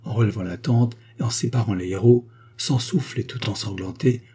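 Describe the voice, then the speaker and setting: A man narrating a translated short story in a measured, even reading. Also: lowish voice, creaky, husky. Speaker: audiobook narrator.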